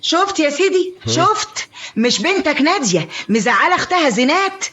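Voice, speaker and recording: A woman's voice: high-pitched, sing-song, fairly bright tone, dull audio, slight background noise. A fussy doting Egyptian mother. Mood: fretful. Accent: Egyptian Arabic. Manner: rapid, scolding, affectionate. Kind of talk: old film dialogue.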